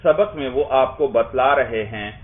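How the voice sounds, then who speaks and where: Man teaching with questions, tinny sound. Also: mid-range voice. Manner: explains with repeated questions and answers, often adds "bhai". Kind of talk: classroom lecture.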